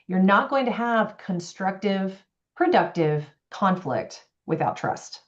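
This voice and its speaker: A woman executive coach in a podcast conversation, talking in an animated way and putting on little voices for the people she quotes. Her voice sits at a middle pitch. The audio is a bit dull and lo-fi. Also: slow.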